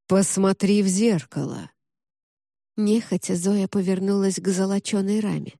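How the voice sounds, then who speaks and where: A woman narrating a dark fantasy audiobook in a measured, dramatic manner, close to the mic. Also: mid-range voice, no room sound.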